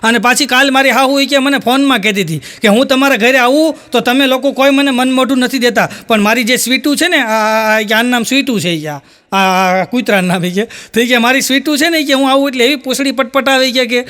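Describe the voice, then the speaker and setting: Man, stand-up comedian, rural Saurashtra Gujarati accent, very high voice, bright ringing tone, raised voices for quoted characters. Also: brisk. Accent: Gujarati, Saurashtra rural dialect. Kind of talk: live stand-up joke telling.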